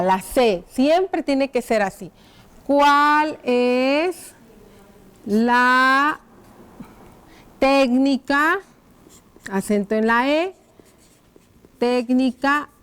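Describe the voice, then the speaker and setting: Slow, clear-voiced woman teacher. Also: sits high. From Mexico. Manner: slow, careful dictation while writing on a board; checks in with pupils with frequent tag questions. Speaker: primary school teacher. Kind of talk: televised classroom lesson.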